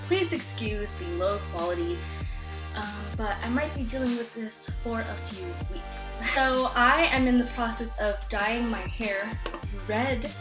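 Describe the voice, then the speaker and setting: Chatty woman on a low-quality laptop recording. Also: measured pace. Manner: chatty, reflective, many "like" fillers. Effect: low-quality laptop webcam recording. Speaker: vlogger. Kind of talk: casual personal vlog. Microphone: built-in laptop microphone. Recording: roomy low-quality laptop audio, loud music behind.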